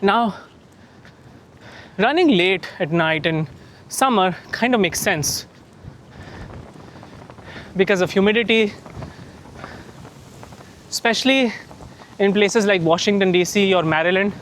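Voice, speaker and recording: Man, high voice, casual vlog chat, talking while running, outdoors, light wind noise. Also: takes it slowly, pauses often, a bit bright. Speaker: running vlogger. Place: outdoors on the move.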